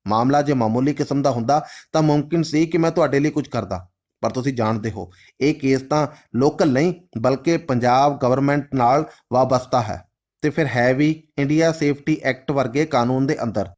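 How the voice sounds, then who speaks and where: A man voicing a stern, formal male official who speaks in a measured, lawful way. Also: medium pitch, a little mellow, natural voice. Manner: formal, measured, Urdu-flavored phrasing.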